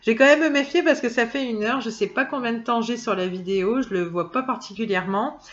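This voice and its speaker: A woman's voice: on the high side, a little fast, muffled recording. A woman reading oracle cards in a casual, chatty way, full of hesitations and restarts. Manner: chatty, many fillers and restarts. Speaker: tarot card reader. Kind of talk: casual spoken guidance video.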